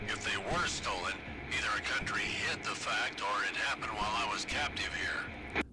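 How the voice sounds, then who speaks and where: A man's voice: on the low side, normal speed, heavy background noise, close to an everyday voice. An actor playing a fatherly, concerned army colonel in a video game, speaking formally like a military officer. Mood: grave disbelief. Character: grave, fatherly older male army colonel.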